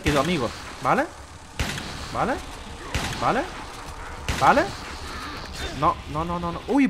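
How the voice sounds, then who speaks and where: Young Spanish man, lively gaming commentary, faint hiss on the mic. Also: high voice. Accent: Spain Spanish. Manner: excitable, swears, talks to viewers as "chavales". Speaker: gameplay streamer. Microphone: desk microphone.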